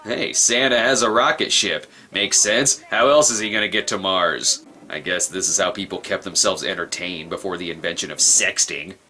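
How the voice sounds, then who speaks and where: A man giving crude, sarcastic comedic commentary on a film, mocking it in a deadpan way. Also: low voice, moderate pace. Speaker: film reviewer.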